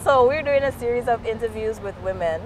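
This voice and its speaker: A woman with a Guyanese accent and a slightly high, fairly quick voice hosts a street interview by a junction outdoors. Chatty and encouraging toward her guest, she is heard over outdoor street noise.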